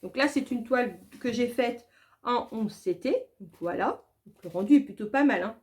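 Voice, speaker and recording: Woman explaining her craft hobby, kinda high voice, lots of little pauses and restarts. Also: lively intonation, a little mellow. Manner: chatty, many hesitant fillers and restarts. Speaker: craft video host. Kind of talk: casual tutorial talk.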